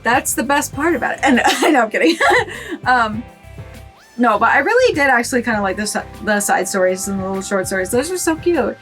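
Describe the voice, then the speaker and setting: A woman's voice: on the high side, brisk, a bit bright, soft background music. A young woman gushing and giggling through casual game commentary, teary-eyed. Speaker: gaming video creator. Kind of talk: casual let's play commentary.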